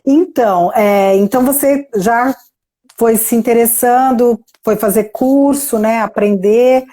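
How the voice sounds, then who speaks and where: A Brazilian Portuguese-accented woman with a slightly high, slightly slow, mellow voice hosts a live interview over a video call. She's effusive and chatty, tagging her sentences with questions, especially lots of "né?", in a warm conversational style befitting a live-stream host.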